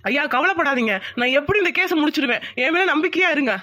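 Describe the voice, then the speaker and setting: In this cartoon voice acting, a determined male police inspector from an animated crime story firmly questions people and keeps pressing for answers, yet sounds reassuring. His voice is high, fast, close and dry, with no room sound.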